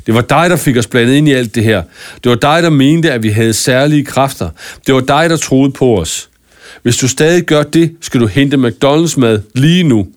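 A man's voice: mid-range voice, voice pushed up, close to an everyday voice. A man voicing a brave young girl who insists and urges in a raised voice. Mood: urgent. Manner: urgent, insistent.

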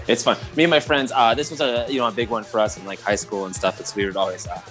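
A man's voice: on the low side, a bit bright. A man co-hosting a podcast in a joking, teasing casual chat. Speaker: podcast co-host.

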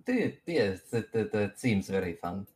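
A woman with a very low voice runs a tabletop game for her friends. Her pitch swings widely as she narrates, and she speaks in a loose, relaxed way with quick laughs and halting restarts. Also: soft background music. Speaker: game master.

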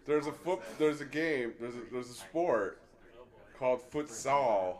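A man co-hosting a podcast, excitable and swearing in casual chat, in a crowded hotel room. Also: mid-range voice, unhurried. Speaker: podcast co-host. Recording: echoey room.

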